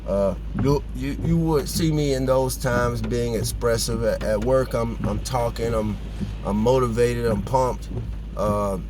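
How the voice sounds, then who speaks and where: Male vlogger, slow and reflective, halting delivery, slushy sh-like s, very noisy distant recording. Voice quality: slushy, whistly sh-like s from a dental retainer. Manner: hesitant, halting, thinking aloud. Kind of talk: reflective personal vlog, casual monologue. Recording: noisy, distant mic, vehicle-like rumble.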